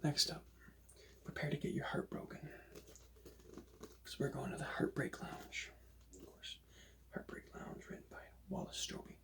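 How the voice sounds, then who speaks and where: A man doing a whispered role-play as a librarian recommending books, in a hushed, breathy library whisper. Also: moderate pace, pauses often.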